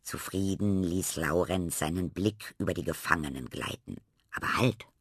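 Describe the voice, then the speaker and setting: A man narrating a children's storybook in a lively, expressive way. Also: low voice, normal speed, husky, no echo, studio quality.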